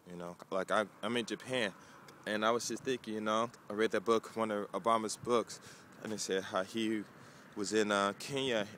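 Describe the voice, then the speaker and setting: A man's voice: on the low side, pushed and bright, a little hiss or hum. A man, vlogging in a casual, rambling way with many fillers. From United States. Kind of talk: casual talk to camera.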